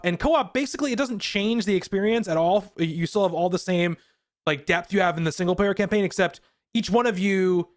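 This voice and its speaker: A man co-hosting a casual games podcast, his voice sitting a little higher than most men's. He rambles through his explanations with frequent ums and restarts. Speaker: podcast co-host. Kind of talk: casual chat.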